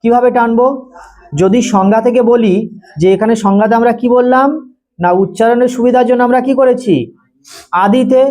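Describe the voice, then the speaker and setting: High-voiced man dictating a grammar lesson. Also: dark tone, low-quality recording. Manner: dictates slowly, repeating phrases, quizzing students. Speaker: tutor.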